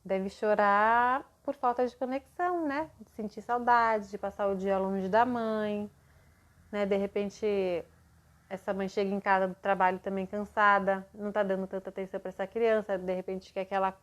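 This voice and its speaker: A woman's voice: mid-range voice, fairly even intonation, normal speed. A woman mentoring parents in a live online session, explaining patiently and acting out what to say to a child.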